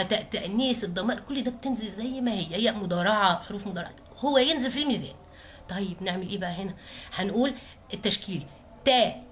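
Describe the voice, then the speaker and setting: A woman's voice: a little high, a bit bright. Encouraging Egyptian woman teacher. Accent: Egyptian Arabic. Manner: encouraging, asks pupils questions and praises them. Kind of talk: classroom grammar lesson.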